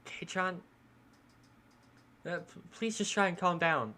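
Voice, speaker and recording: Guy putting on a nervous young woman voice, pleading, pitched up. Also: animated, slow pace, bright, forceful tone, full character voice.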